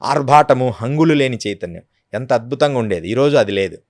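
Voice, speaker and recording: A man's voice: mid-range voice, expressive, fairly quick, no echo, clean studio sound. A man, a yogi guest speaking earnestly in an interview, often acting out quotes. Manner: earnest, storytelling with acted quotes. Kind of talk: devotional interview talk.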